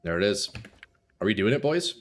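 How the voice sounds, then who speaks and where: A man's voice: on the low side, big pitch swings, brisk. A young man live streaming a video game, chatting casually with his viewers in a slangy, sweary frat-bro manner.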